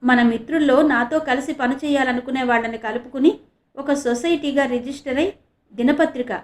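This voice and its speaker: A woman's voice: sits high, a little fast, lightly acted. A woman voicing a hopeful young male reporter in an audio novel, reading his lines eagerly. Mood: earnest.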